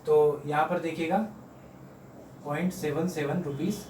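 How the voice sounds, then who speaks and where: A man's voice: a little high, steady tone. Patient man teaching math, distant and roomy. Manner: patient, repeats numbers slowly. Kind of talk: home math lesson for kids. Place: room at home. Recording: roomy, off-mic, faint hum.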